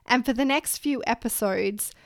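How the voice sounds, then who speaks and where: A woman with a somewhat high voice, vocal fry, and a normal pace opens her casual solo podcast, stuffed-up and nasal from a head cold. She's a podcast host and strength coach, chatting upbeat and laughing a lot, in clean studio sound with no echo.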